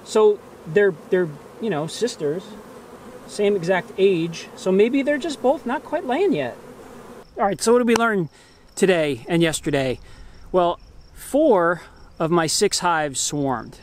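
A high-voiced man vlogs outdoors as a beekeeper, expressive and slow as he casually narrates a hive inspection. Bees and insects buzz throughout the grassy bee yard, with slight background noise in the recording.

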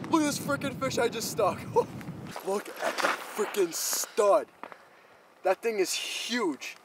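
Hyped young man with a high voice. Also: slow pace, background noise. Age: young adult. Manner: excited, hype, calls viewers "boys". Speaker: fishing vlogger. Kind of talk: casual vlog chat. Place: in a truck and out on a frozen lake. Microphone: camera on the dash or held at arm's length.

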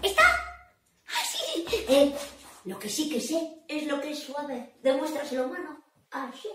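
A woman, telling a story to children in a playful, animated way and laughing often. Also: high-pitched, normal speed, slight background noise. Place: library room. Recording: echoey room, voice from far off.

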